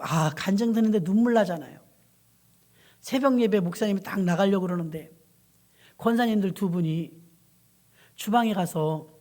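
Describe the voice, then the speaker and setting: A woman pastor delivering a sermon with lively, exclamatory storytelling. Her voice sits at an ordinary middle pitch and carries the congregation along with anecdotes and rallying calls.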